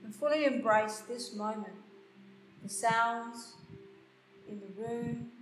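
A woman guiding a slow meditation in a soft, hushed, unhurried voice with long pauses. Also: a little high, a little hiss or hum. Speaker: podcast host and meditation guide. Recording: roomy, echoing sound with faint music.

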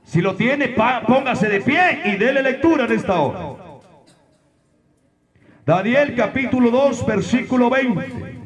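A man preaching a sermon to a congregation, emphatic, firing off rhetorical questions and breaking into shouts. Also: very high voice, lively intonation, measured pace, long pauses, a crowd in the background. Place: church service with a congregation. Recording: live church recording with congregation noise.

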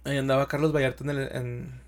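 A young Mexican man, a stand-up comedian, telling stories in a slangy, animated way and acting out what people said. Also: mid-range voice, quick pace, faint music behind. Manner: animated storyteller, slangy, acts out quotes. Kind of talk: casual podcast chat.

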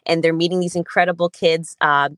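A woman's voice: fairly low pitch, steady tone, a little fast, a bit bright, no room sound. A young adult woman, an author, answering podcast interview questions with earnest, flowing enthusiasm. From Germany. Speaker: children's book author, guest.

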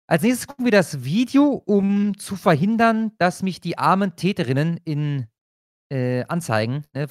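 A man's voice: a little high, no room sound, studio quality. A man hosting a casual news reaction show, talking loosely with frequent filler sounds and restarts. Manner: hesitant, many fillers and restarts. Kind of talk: casual commentary.

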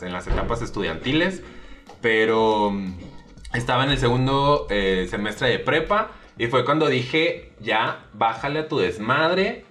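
A young man with a Mexican Spanish accent hosts a casual podcast chat. He tells personal stories in a lively, expressive way and laughs easily. His voice sits in a middle pitch, with faint music playing behind him. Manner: lively storytelling, laughs often, mimics friends. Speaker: host.

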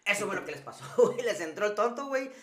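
A man's voice: high voice, lively intonation, fast, roomy sound. A man co-hosting a wrestling podcast, recapping matches in a joking way and using lots of colloquial slang. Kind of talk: casual chat.

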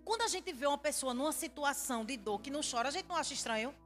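A woman pastor preaching a sermon, building to shouted climaxes and acting out quoted voices in playful asides. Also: high-pitched, lively intonation, rapid-fire. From Brazil. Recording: preaching over background music.

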